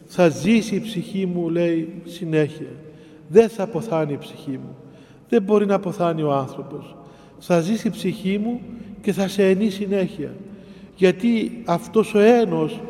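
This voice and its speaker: A man preaching in a hall with a long echo, his voice high yet dark and mellow. He reads a verse, then explains it phrase by phrase, circling back and repeating himself with pauses. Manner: explains scripture line by line, repeating and pausing. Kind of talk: sermon on a psalm.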